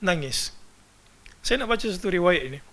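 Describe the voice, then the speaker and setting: A man's voice: high-pitched, animated, moderate pace, vocal fry, fairly bright tone. A man with a Malaysian Malay accent giving a religious lecture, often asking his audience rhetorical questions. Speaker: religious teacher.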